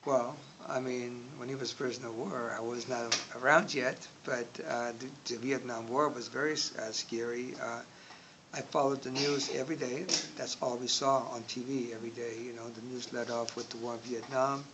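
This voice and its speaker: A man in his sixties from Indonesia, speaking slowly in an oral history interview, with frequent pauses and filler words. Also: medium pitch, level tone. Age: 60s. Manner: slow, hesitant, many filler words. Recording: audible background noise.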